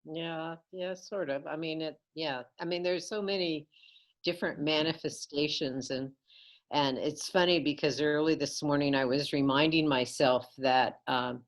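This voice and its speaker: A middle-aged woman, an astrologer, speaking in a slow, halting, thoughtful way. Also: deep voice, fairly even intonation. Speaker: astrologer co-host. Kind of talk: casual conversation.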